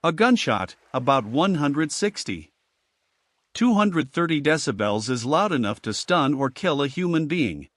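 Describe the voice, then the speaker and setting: Man narrating a slow nature documentary. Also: on the high side, big pitch swings, fairly bright tone, dry recording. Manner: measured, unhurried nature documentary delivery.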